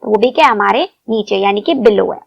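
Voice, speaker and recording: A woman's voice: medium pitch, fairly quick, vocal fry, no echo, muffled recording. A woman teaching young children, coaxing answers with questions. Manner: coaxing, asks the class questions.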